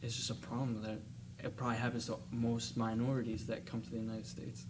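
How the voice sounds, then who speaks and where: A young man talking in a casual student discussion, halting, with many fillers and restarts. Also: medium pitch, level tone. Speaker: student panelist. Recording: distant mic with noticeable hiss.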